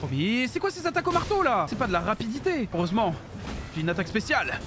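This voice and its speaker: A man streaming a video game, reacting loudly and cracking jokes as he plays. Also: sits high, fast talker, noisy background. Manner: excitable, loud outbursts and jokey asides. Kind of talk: live gaming commentary. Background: game music.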